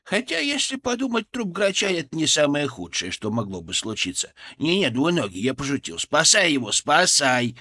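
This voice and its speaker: A man voicing a mischievous small non-human creature who yells frantically and cracks snarky jokes. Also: huge pitch swings, normal speed, few pauses, heavily acted. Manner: shrill, frantic yelling and snarky joking.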